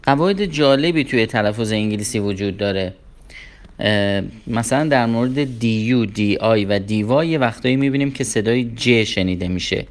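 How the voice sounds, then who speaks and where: A man with a Persian accent teaching English pronunciation in a casual, playful way, asking the listener questions and slipping in jokes. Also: lowish voice. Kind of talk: casual language lesson.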